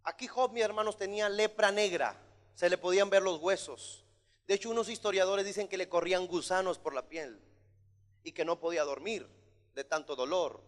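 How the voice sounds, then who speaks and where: A man preaching a sermon as pastor, emphatic and at times shouting. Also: high-pitched, moderate pace. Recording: long hall reverb.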